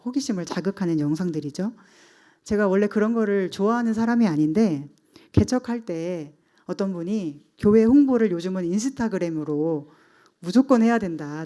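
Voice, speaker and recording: Woman pastor, sermon, low voice, earnest, conversational with fillers, church. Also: warm tone.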